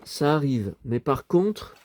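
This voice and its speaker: A collector chats casually to viewers about his toy collection, rambling as he speaks straight to the audience. His voice sits at a medium pitch with a darkish tone, and he talks slowly with big swings in pitch.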